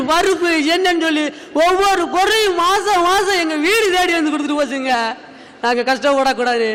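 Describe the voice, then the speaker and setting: A man's voice: very high-pitched, bright, forceful tone. A young man, giving an earnest, pleading speech in a stage debate. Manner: earnest, pleading, addresses listeners with "ayya". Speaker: student debate speaker. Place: large hall on stage. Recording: hall reverb, faint background noise.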